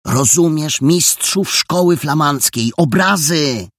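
A man voicing an excitable, bossy young girl detective in a storybook, with emphatic, impatient delivery. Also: mid-range voice, a little slow, vocal fry, husky, dry recording, clean studio sound, pitched above the performer's own voice, heavily acted. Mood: excited, bossy. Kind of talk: audiobook character voice.

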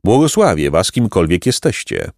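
A man voicing a kindly, wise hermit over a hundred years old, speaking gently and with a chuckle, in a storybook reading. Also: deep voice, big pitch swings, normal speed, vocal fry, no room sound, studio quality, full character voice. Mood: gentle. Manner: gentle, sweet-voiced, chuckling. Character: kindly ancient male hermit, wise and merry.

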